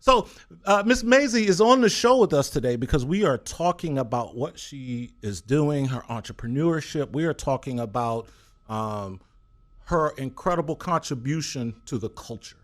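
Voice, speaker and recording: A man's voice: medium pitch, animated, moderate pace. Playful hype guy hosting a talk show, voice jumps all over. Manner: hyped, playful, jokey banter. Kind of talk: casual interview chat.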